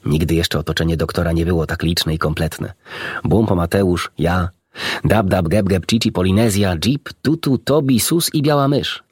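A man narrating a children's storybook in an expressive, animated reading. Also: low-pitched, breathy edge, no echo, studio quality. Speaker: audiobook narrator.

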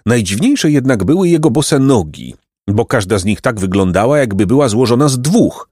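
A man narrating a children's storybook in an expressive, dramatic way. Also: medium pitch, moderate pace, dry recording, studio quality. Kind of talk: storybook reading.

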